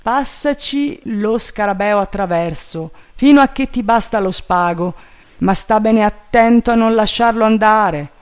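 Impatient, urgent gentleman barking orders, as a man reads him. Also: sits high, measured pace, clean tone, pitched above the performer's own voice. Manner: urgent, commanding, raised voice. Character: excitable, impatient male gentleman giving orders.

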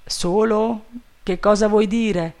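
A man doing an impatient, shouting gentleman. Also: sits high, fairly even intonation, takes it slowly, voice pushed up. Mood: urgent. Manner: urgent, commanding, raised voice. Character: excitable, impatient male gentleman giving orders.

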